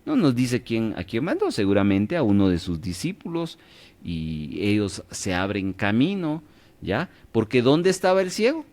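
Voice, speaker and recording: A man's voice: lowish voice, wildly swooping pitch, normal speed, darkish tone. A man leading a radio Bible class, quizzing his listeners and checking in often to see that they follow. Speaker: Bible study teacher.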